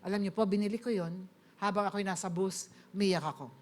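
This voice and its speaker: A woman's voice: medium pitch, brisk, darkish tone. A middle-aged woman from the Philippines with a Filipino accent, giving a personal testimony sermon and politely addressing her audience as she mixes in English.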